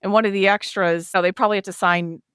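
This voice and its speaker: A woman's voice: mid-range voice, fairly even intonation, fast talker, a bit bright, smooth, no room sound, studio quality. A woman co-hosting a psychotherapy podcast, chatting casually and thoughtfully as she retells a film's plot at length.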